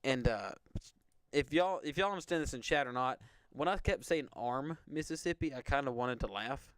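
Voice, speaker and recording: A young man from Alabama with a relaxed drawl hosts a live severe weather stream. His voice is smooth and clear, recorded close with almost no room sound. He talks casually, stumbling over fillers as he reads the radar. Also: mid-range voice, normal speed, no room sound. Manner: casual, rambling, frequent fillers. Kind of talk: live weather coverage chat.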